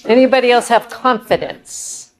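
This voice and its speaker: A woman's voice: a little high, moderate pace, low-quality recording. A woman facilitating a board retreat, keeping the group moving with an upbeat, encouraging way of talking. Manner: upbeat, encouraging, thinks aloud. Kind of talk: guiding a group discussion. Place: meeting room.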